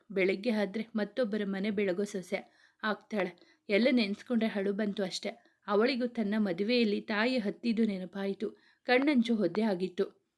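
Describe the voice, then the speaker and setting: A woman's voice: medium pitch, darkish tone. Woman reading a romantic story aloud. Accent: Kannada. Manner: reads all dialogue in her own plain voice. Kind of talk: scripted story narration.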